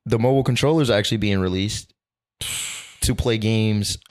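A man's voice: on the low side, normal speed, clear, resonant tone. A man co-hosting a casual podcast chat in a laid-back, agreeable way, with short affirmations. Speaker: podcast co-host.

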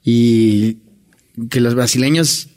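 A guest who used to entertain at hotels shares stories in a casual conversation, his Mexican accent clear. He talks slowly at a medium pitch with a darkish tone, peppering his speech with tag questions and restarts.

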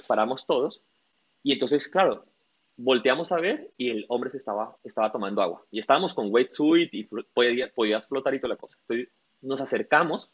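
Speaking with a medium-pitched, slightly rough voice, this man is a guest coach in an informal interview. He narrates stories and dramatizes people's words, all captured on dull, lo-fi audio.

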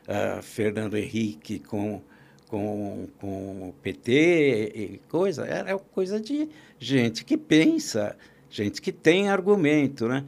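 A man's voice: medium pitch, vocal fry. A man, a podcast guest who talks politics in a casual, opinionated way, often restarting his sentences. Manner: talkative, opinionated, frequent restarts and fillers. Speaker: podcast guest, columnist and agribusiness consultant.

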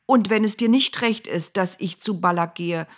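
A woman's voice: mid-range voice, moderate pace, voice pushed up, close to an everyday voice. A woman voicing a proud old male prophet who begs for forgiveness. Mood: pleading. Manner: agitated then pleading.

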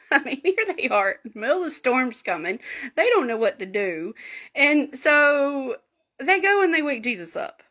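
Bright-voiced woman teaching a Bible story. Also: high-pitched, moderate pace. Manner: animated, chatty, folksy asides. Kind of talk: informal Bible lesson storytelling.

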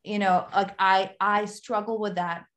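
A woman's voice: medium pitch, little pitch movement, unhurried, a bit bright, low-quality recording. A woman hosting a casual podcast interview, talking in a hesitant, searching way full of fillers. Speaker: podcast host.

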